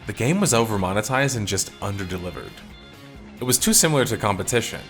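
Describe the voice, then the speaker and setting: A man with a fairly low, tired, strained voice delivers scripted video-essay commentary fast and in a sing-song way. His opinionated, wry tone suits a detective-themed wrap-up, with faint music playing quietly underneath.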